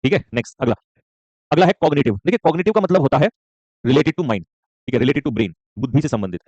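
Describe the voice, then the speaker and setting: A man teaching a live online vocabulary class, joking and rapid, often checking in with students and calling them son. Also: mid-range voice, lively intonation, no echo, lo-fi sound. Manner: joking, rapid, keeps asking "okay?"; addresses students warmly as son.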